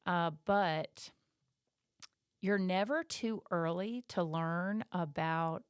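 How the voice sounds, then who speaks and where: A woman's voice: fairly low pitch, extremely slow, smooth, no room sound, clean studio sound. A middle-aged woman co-hosting a podcast, talking in a chatty, emphatic way. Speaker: podcast co-host. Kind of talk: casual podcast chat.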